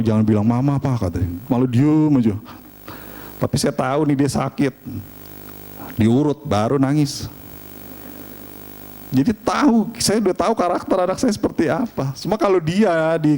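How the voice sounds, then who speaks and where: A middle-aged man, preaching a sermon and telling family stories in an animated, humorous way. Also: mid-range voice. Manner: animated storytelling, chatty and humorous. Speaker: pastor.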